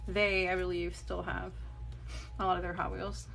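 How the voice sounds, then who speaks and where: A woman's voice: fairly low pitch, flat delivery, moderate pace, vocal fry, a bit bright. A woman in her thirties chatting casually while she crafts on a phone livestream, rambling between stories and small laughs, with the odd swear word. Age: 30s. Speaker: TikTok live crafter.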